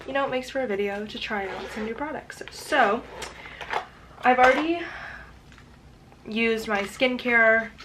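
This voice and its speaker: A woman's voice: medium pitch, noisy background. A young woman talking casually through a makeup tutorial vlog, her voice stuffy and nasal from a cold, with many "um" fillers. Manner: chatty with frequent "um" fillers. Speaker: fashion and lifestyle content creator.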